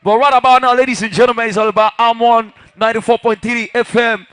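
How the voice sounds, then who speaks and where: A man's voice: extremely high pitch, little pitch movement, quick pace, smooth, no room sound. A man with a Nigerian accent working as a hype man, calling out to a crowd on a microphone in a hyped, chanted promo style at a live lounge event. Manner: hyped, shouted promo delivery with short chanted call-outs.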